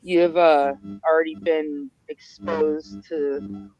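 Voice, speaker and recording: A woman chatting casually on a livestream, musing in an easygoing, drawn-out way. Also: low voice, expressive, faint music behind. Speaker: livestream co-host. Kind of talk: casual chat. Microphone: headphones with mic. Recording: dull scratchy headset mic.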